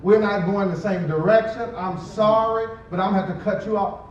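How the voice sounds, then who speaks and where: A man's voice: sits high, fairly even intonation, fairly quick, dull audio, a little hiss or hum. A man preaching a sermon as pastor, conversational, acting out quotes and chuckling as he goes. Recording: echoey church hall from a distant mic.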